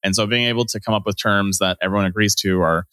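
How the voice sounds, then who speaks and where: A man hosting a casual tech podcast talks quickly in a lowish voice. The recording is close and dry. He is chatty and slips light laughs between his points. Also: fairly even intonation, sharp tone, no echo. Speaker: podcast host.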